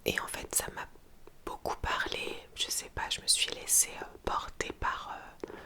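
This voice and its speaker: A woman whispering softly and breathily, as in a library, in an informal, hesitant ASMR chat presenting books. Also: unhurried. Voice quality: soft, breathy unvoiced whisper.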